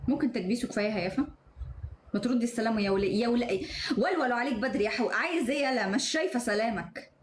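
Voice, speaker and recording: A woman in her twenties with an Egyptian accent, live streaming and reading out viewer comments with quick, sharp-tongued retorts, talking into her phone at home. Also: fairly high pitch, slight background noise. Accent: Egyptian Arabic. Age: 20s. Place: indoors at home.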